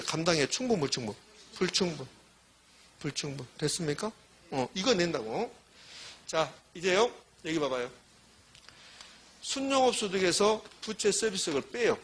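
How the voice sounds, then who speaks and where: A man's voice: high voice, fairly bright tone, slightly rough. A middle-aged man giving a classroom lecture, quizzing students and answering his own questions while repeating key terms. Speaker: real estate exam lecturer.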